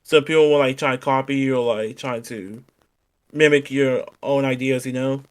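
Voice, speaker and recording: A man's voice: medium pitch, steady tone, normal speed, smooth. A young man as an interview guest, talking casually and filling his answers with "like". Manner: chatty, lots of "like" fillers. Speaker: guest streamer.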